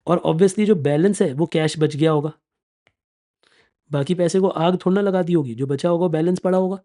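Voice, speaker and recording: Brief: male tutor in his thirties, mellow, unhurried, fond of his students, keeps asking if all is clear. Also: a little high. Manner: explains step by step, keeps checking that students follow; calls students affectionately "beta" and "bachchon". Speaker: finance exam teacher. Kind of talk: classroom lecture.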